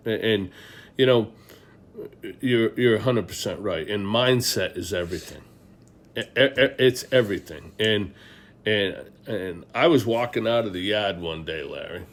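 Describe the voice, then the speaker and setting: Emphatic hunting guide. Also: male voice, on the low side, measured pace. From Maine. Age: middle-aged. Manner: emphatic storyteller, repeats words when starting sentences. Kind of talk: casual podcast interview.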